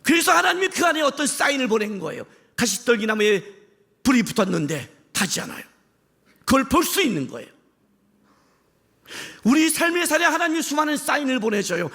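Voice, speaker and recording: Pastor guy preaching loud n passionate, pretty high voice, keeps asking the crowd questions. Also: vocal fry. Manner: impassioned, shouts for emphasis; talks straight to the congregation with rhetorical questions. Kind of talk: sermon.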